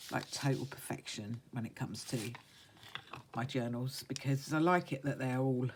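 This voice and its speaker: A woman with a hoarse, croaky voice chatting casually and unhurriedly through a craft tutorial as she works. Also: very deep voice, a little hiss or hum. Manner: unhurried, talks along while working with her hands. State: hoarse, still getting over a croaky voice. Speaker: craft vlogger demonstrating techniques.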